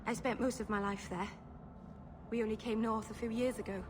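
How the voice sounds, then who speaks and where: A woman's voice: fairly high pitch, fairly even intonation, brisk, noisy background, natural voice. An actress playing a shy, earnest young elf woman, a mage who speaks hesitantly and apologetically in video game dialogue. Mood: timid, earnest.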